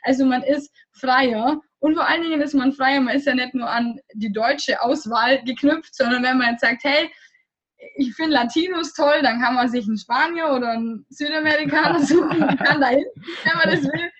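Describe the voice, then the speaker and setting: A woman's voice: high-pitched, normal speed, a bit bright, muffled recording. A young woman from Germany in her twenties, a guest chatting casually in an interview, rambling with many fillers.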